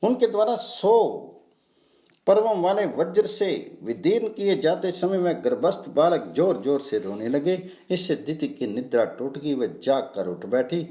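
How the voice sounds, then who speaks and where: A man narrating devotional scripture in measured, solemn recitation. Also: fairly high pitch, big pitch swings, dark tone, echoey room. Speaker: scripture reader.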